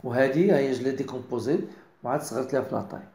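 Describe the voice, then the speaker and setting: Fast, gravelly Moroccan man explaining. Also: mid-range voice, mellow, reverberant. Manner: mixes French into explanations, keeps checking understanding. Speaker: design tutor. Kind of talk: screen-recorded software tutorial.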